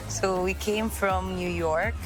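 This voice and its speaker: A woman athlete from the Philippines, calmly describing her arrival in an interview. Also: medium pitch, slow. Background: music.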